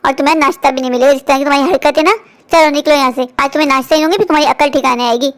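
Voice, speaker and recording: A woman voicing a harsh, bossy cartoon stepmother who nags and scolds in a quick, high voice. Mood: harsh scolding. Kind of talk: cartoon story voice acting.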